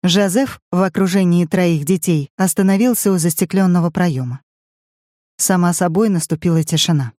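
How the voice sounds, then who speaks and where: An audiobook reader narrating a family drama in measured, even storytelling. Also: medium pitch, no echo, clean studio sound. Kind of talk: scripted narration.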